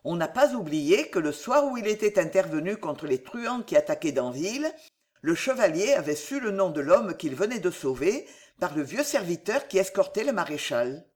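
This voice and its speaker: A narrator reading a historical adventure novel aloud in a measured storytelling manner. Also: mid-range voice, big pitch swings, darkish tone. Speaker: audiobook narrator. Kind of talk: literary audiobook narration.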